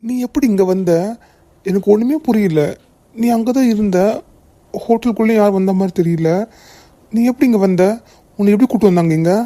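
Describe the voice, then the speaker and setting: A performer voicing a protective young male hero in a cartoon, stern with enemies and gentle with the woman he protects. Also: mid-range voice, normal speed, pauses often, no echo, lightly acted. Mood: soothing. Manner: stern threatening, then gentle and soothing. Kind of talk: cartoon voice acting.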